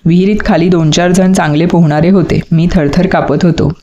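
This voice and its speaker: A narrator reading a storybook aloud at a steady pace. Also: medium pitch, moderate pace, lo-fi sound. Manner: steady reading with acted dialogue.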